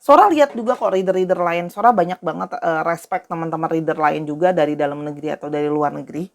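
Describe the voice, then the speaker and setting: A woman's voice: low-pitched, fast talker, gravelly. A woman doing a casual tarot reading, talking straight to her viewers in a friendly, repetitive way. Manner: friendly, talks directly to viewers, repeats herself. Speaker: tarot reader.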